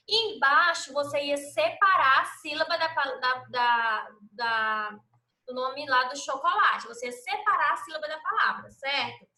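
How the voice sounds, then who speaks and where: A woman teacher from Brazil giving a recorded lesson to young children, patient and sing-song, spelling out letters and syllables slowly. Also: high-pitched, sharp tone, echoey room. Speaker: primary school teacher.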